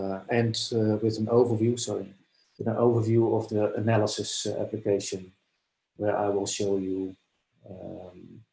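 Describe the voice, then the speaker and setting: A low, flat-voiced man talks slowly over a video call, stopping often with filler sounds as he walks through a training session. His voice comes through with a roomy echo. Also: creaky. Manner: hesitant, halting, many "uh" fillers. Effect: heard over a video call. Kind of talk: online training presentation.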